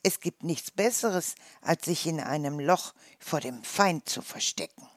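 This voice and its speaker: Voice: medium pitch, lively intonation, measured pace, no echo, studio quality. Ein Vorleser spricht eine kleine, kecke Waldmaus. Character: small clever forest mouse, sharp-tongued.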